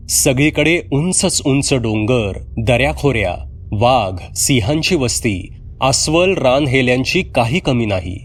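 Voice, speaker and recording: A man narrating a horror story in the first person, measured and steady, with acted dialogue. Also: mid-range voice.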